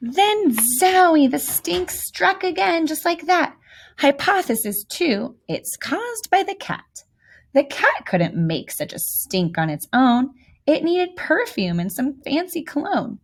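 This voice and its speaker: Gravelly and high-sitting, her voice swings widely in pitch as she takes her time. She performs an expressive read-aloud of a children's picture book, full of theatrical emphasis and asides to young listeners.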